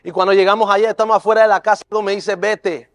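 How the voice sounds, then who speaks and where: A man's voice: high-pitched, level tone, very fast, clear, resonant tone, faint music behind. A man preaching at a church service, telling an emotional personal testimony in an earnest, fervent way. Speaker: preacher and youth leader. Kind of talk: sermon testimony.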